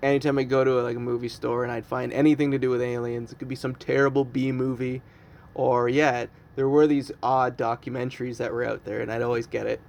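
Vocal fry and a darkish tone mark this man's medium-pitched voice, which stays fairly flat and runs a little fast. He's an early-thirties comedian hosting a podcast, chatting loosely, mocking himself and laughing often.

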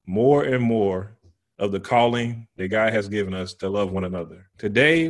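A man hosting a church panel discussion, speaking in an earnest, measured way. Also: on the low side. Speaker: panel host.

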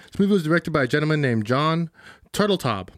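A man co-hosting a casual movie podcast, reading out film facts in a deadpan way with slow pauses. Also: on the high side, no room sound, clean studio sound. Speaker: podcast co-host. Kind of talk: casual chat.

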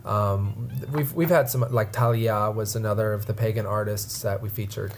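A woman's voice: extremely low pitch, steady tone, normal speed, slight background noise. Rambling woman podcast host, stuffed up. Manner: rambling, full of fillers and restarts. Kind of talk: casual podcast chat.

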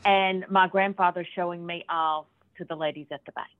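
A woman guest reminisces easily on a podcast. Her slightly low voice comes through a tinny, phone-like line, dry with no room sound. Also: steady tone, normal speed, no echo. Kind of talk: casual podcast interview.

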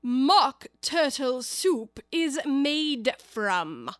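A woman voicing a shrill, imperious queen who shrieks slow, drawn-out commands. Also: very animated, a bit bright, no room sound, studio quality, heavily acted. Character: shrill imperious female queen, furious tyrant.

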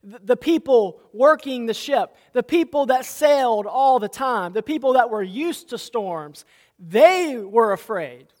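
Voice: medium pitch, lively intonation, measured pace, darkish tone. A pastor preaching a sermon, asking the congregation rhetorical questions and often restarting and repeating words. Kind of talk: sermon with scripture reading. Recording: long hall reverb.

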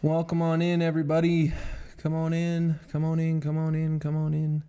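A man's voice: on the high side, completely flat delivery, moderate pace, warm tone, clean tone. A man hosting a live stream in a casual, chatty way, greeting viewers and humming while he sets things up. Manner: upbeat, chatty, hums filler tunes while setting up. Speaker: livestream host.

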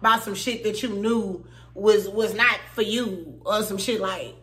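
A woman's voice: medium pitch, a little slow, a bit bright. A woman co-hosting a podcast in casual chat, blunt and emphatic, repeating her points and swearing freely. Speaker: podcast co-host.

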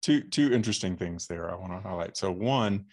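A middle-aged man from Texas telling his life story as a podcast guest, halting with many fillers and restarts. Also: low-pitched. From Texas, USA. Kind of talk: casual interview storytelling.

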